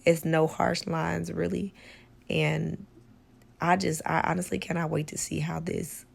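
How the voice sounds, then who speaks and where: A woman talks through a nail tutorial in a casual, chatty way. Her voice is on the low side and badly hoarse from a cold, with a very gravelly smoker's rasp that creaks through her words. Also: level tone, measured pace. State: hoarse from a cold and sore throat. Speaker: nail tech doing a product test tutorial.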